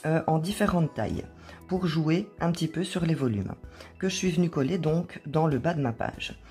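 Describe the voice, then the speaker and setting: A woman hosting an art journal tutorial, explaining each step calmly, with occasional hesitations. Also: low-pitched. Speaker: craft tutorial host.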